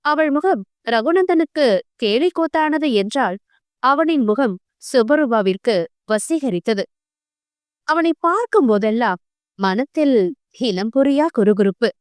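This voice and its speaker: A woman narrates an audio novel with a high, smooth, polished voice. Her reading is measured and expressive, and the recording is close and dry. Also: no room sound. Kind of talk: scripted narration.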